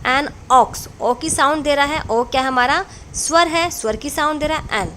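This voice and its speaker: A woman's voice: sits high, moderate pace, sharp tone, a little hiss or hum. A woman teaching English grammar in a classroom lesson, explaining rules patiently and answering her own questions as she goes.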